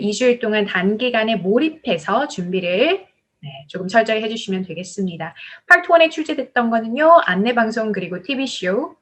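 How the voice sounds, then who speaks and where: A Korean woman gives an English exam-prep lesson with a somewhat husky voice. She talks her students through the material in Korean. She reads the English example sentences slowly and with care. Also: mid-range voice, a bit bright. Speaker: English test tutor.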